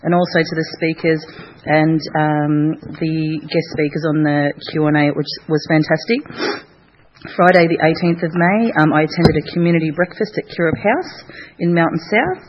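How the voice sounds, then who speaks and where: A woman's voice: low voice, normal speed. A woman councillor with a cough and a lozenge in her mouth, reading out a list of events she attended. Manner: listing events with fillers. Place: council chamber. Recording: dull recording with faint noise.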